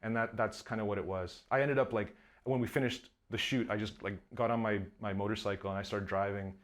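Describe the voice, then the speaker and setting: A man's voice: lowish voice, fairly even intonation, fairly quick. A man in his thirties, a film director talking in a casual interview, rambling with lots of fillers. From Canada. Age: 30s. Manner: rambling, many fillers and restarts.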